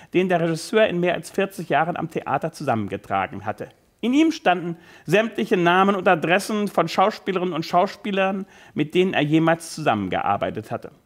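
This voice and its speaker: A man reading from his own book aloud, lively storytelling with the occasional slip. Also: a little high. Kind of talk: live literary reading.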